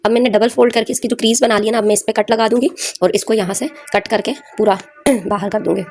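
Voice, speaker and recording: Talking fast in a slightly high, steady, somewhat mellow voice, a woman hosts a sewing tutorial with a bit of background noise. She walks viewers through each step conversationally, frequently checking in with them, while a sore throat makes her clear it repeatedly.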